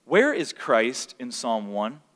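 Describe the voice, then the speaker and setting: Man, bible teacher, animated, questions the room, echoing hall. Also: slow pace. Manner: animated, asks the room questions, rises in pitch when emphatic. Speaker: pastor teaching a class. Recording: long hall reverb.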